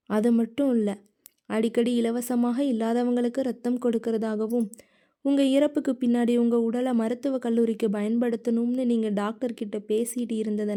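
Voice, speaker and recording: A woman's voice: a little high, mellow, lightly acted. A woman voicing an earnest young woman confessing her love in an audiobook novel. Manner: earnest, pleading. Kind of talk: audiobook character reading.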